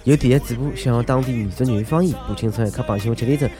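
A man's voice: medium pitch, racing, over music. A man with a Shanghainese accent hosting a scripted humorous news show, joking and exclaiming like a theatrical storyteller. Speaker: host of a comedic news podcast.

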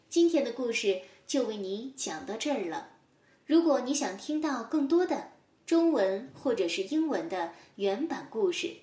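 A woman telling a story for children, gentle and expressive. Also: sits high, reverberant, far from the mic.

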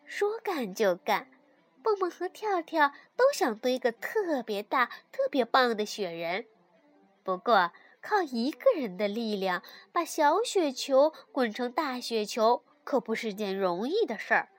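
A woman narrates a children's storybook with gentle, expressive delivery. Her voice sits high and moves a lot in pitch, and she takes her time. The recording is close and dry. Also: measured pace, dry recording.

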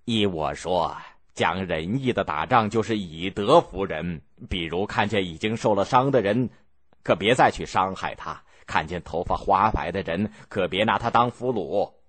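A man's voice: low-pitched, moderate pace, fairly bright tone, pitched below the performer's own voice. A man voicing an old, stubborn, self-righteous duke who talks in a lecturing, pompous way.

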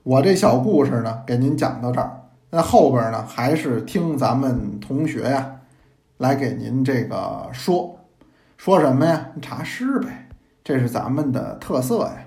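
A man, a teacher telling a historical story in a lively, playful storyteller's manner. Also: medium pitch, unhurried, gravelly. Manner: lively, animated, playful asides to listeners. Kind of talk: storytelling in traditional narration style. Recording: echoey room.

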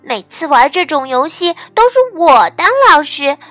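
A woman voicing a stubborn, quick-tempered little girl bear cub in a storybook reading, shrill and loud when she protests. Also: expressive, dry recording, exaggerated voice. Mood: indignant.

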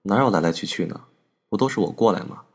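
A man voicing an anxious young man who pleads with his boyfriend in rapid, pressing questions. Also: sits low, animated, vocal fry, breathy edge, heavily acted. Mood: hurt. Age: young adult.

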